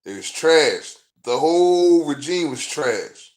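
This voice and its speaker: Man, vlogger, casual sports rant, cussing, frustrated, rambling, fillers, slightly high voice. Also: expressive, slow.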